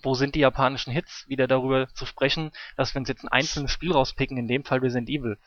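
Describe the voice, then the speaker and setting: A man's voice: medium pitch, fairly even intonation, fast, muffled recording, crowd noise. A man co-hosting a casual gaming podcast who chimes in and asks questions back. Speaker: podcast co-host.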